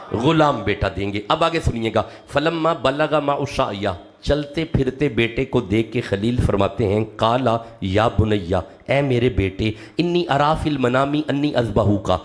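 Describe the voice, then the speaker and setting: A man preaching a sermon to a live audience, emphatic and repeating his key words. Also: mid-range voice. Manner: emphatic, repeats key words, rises when urging the crowd. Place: gathering before a live audience.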